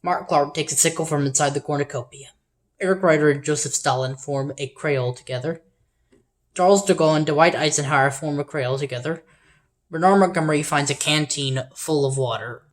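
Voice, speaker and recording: This woman narrates her game simulation casually in a low, fairly quick voice. She trips over names along the way and adds wry, slightly sheepish comments.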